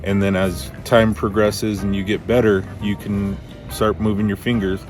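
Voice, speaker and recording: A low-pitched man explains a technique in a casual how-to style. He speaks haltingly, thinking aloud as he instructs. Music plays clearly behind his voice. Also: level tone. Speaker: duck calling instructor.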